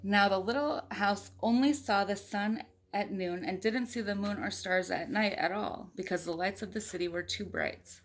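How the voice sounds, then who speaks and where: A woman with a mid-pitched voice reads a storybook aloud to young children. She keeps it conversational and engaging, mixing the narration with casual remarks and questions to the listeners. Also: moderate pace, few pauses. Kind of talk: read-aloud storytelling with chatty asides to children.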